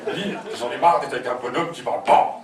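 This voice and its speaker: A man's voice: medium pitch, fast, a crowd in the background. A man performing a comic stage monologue as a whiny grown son, acting out his parents' voices. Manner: plays a fifty-two-year-old overgrown son, mock-whiny, acts out both parents. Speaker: stand-up comedian. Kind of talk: live comic monologue in character. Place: theater stage with audience laughter. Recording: echoey live stage from a distant mic, loud audience noise.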